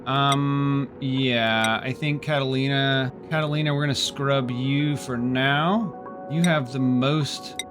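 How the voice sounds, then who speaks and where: A man's voice: medium pitch, fairly even intonation, takes it slowly, music in the background. A man narrating his game as he plays, sarcastic and exasperated, grumbling at his characters. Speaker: gameplay streamer. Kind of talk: exasperated gameplay commentary.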